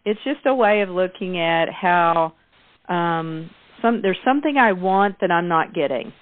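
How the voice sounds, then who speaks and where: A woman's voice: lowish voice, lively intonation, a little slow, no echo. Woman coach on a tinny call. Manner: encouraging, chatty, restarts phrases. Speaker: group coach. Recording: tinny phone line.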